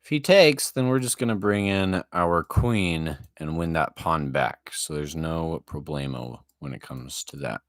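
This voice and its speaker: Low-voiced young man narrating chess. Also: unhurried, hardly any pauses, no room sound, studio quality. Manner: self-deprecating, swings between panic and hype. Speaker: chess streamer. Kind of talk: casual chess commentary.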